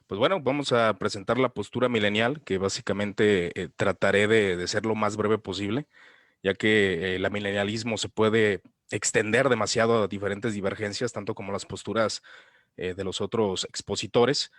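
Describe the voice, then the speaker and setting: A man speaking as a panelist, giving a relaxed, conversational presentation over a video call. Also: on the low side, moderate pace, dry recording, clean studio sound. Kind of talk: casual presentation.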